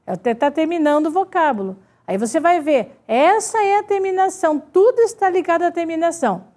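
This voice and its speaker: High-voiced Brazilian woman teaching grammar. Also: animated, brisk, darkish tone. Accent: Brazilian Portuguese. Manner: explains step by step, often checks in with "tá?". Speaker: Portuguese teacher. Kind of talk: online grammar lesson.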